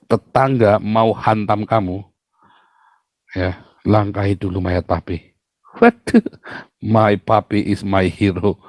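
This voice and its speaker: A man's voice: lowish voice, a little mellow, no echo, studio quality. A middle-aged man preaching a sermon, telling family stories with sudden exclamations and laughs. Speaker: pastor.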